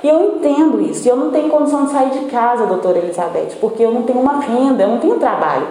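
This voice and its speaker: A Brazilian woman in her forties, speaking as a patient, giving a halting personal account full of restarts. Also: on the high side, expressive, mellow, heavy reverb, slight background noise, poor audio. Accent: Brazilian Portuguese. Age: 40s. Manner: halting, many restarts and self-corrections.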